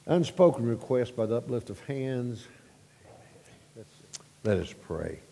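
A man leading a church prayer at a pulpit microphone, halting with repeated words and swelling louder as he prays. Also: medium pitch, sing-song, vocal fry. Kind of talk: spoken church prayer and announcements. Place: church sanctuary. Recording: long reverb of a church sanctuary.

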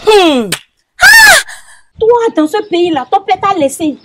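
Woman playing a shrill scolding village mother. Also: lively intonation, normal speed, heavy background noise. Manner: emphatic, repeats questions insistently.

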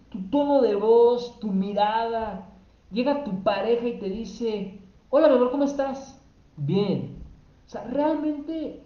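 A woman's voice: a little high, warm tone. A woman giving a spoken teaching talk about emotions, explaining step by step, asking rhetorical questions and repeating phrases for emphasis. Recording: roomy, slightly dull recording.

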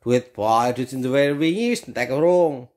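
A man's voice: mid-range voice, unhurried, darkish tone. A man, a father playfully teasing his daughter in a casual family vlog, laughing often.

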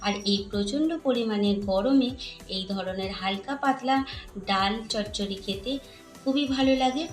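A middle-aged woman talks through her home vlog in a chatty, friendly way, speaking to her viewers as if they were friends. Her voice sits at an ordinary pitch for a woman. Soft music plays quietly underneath. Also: normal speed. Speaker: home vlogger. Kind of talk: home cooking and garden vlog narration.

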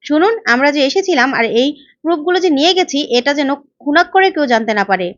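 Fierce confident woman investigator, voiced by a female narrator, high voice, dull dry recording. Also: expressive, fast talker, a bit bright, dry recording. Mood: angry. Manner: commanding, threatening retorts.

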